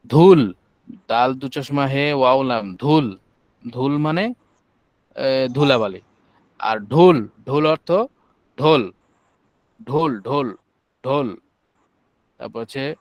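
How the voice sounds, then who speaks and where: With a Bangladeshi Bengali accent and a mid-range voice, this man patiently drills syllables at a slow pace for an online class, captured on a dry recording.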